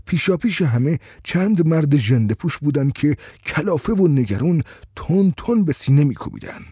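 A man reading a first-person story in a steady, conversational storytelling way. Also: a little high, husky, no echo, clean studio sound.

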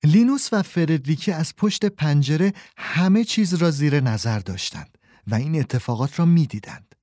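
A man narrating a children's storybook in a calm, measured reading voice, close to the mic. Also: fairly high pitch, dry recording.

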